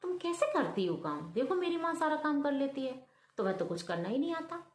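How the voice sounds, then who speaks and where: An exasperated young husband nagging his wife, quick and impatient, as a woman storyteller puts him on. The voice rings in a roomy, echoing room. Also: sits high, sing-song, voice pushed up. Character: young husband, fed up and scolding. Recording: roomy echo.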